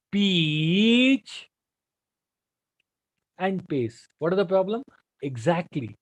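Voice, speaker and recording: Higher-voiced Indian man giving a lesson. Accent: Indian English. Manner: shifts volume and pace to demonstrate. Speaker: trainer. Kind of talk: classroom lecture.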